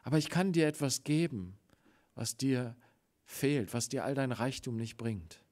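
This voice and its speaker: A man preaching a Sunday sermon in a church, swinging between loud exclamations and hushed, quiet passages, and acting out the voices of the story he tells. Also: mid-range voice, a little slow. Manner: acts out quoted voices in the story.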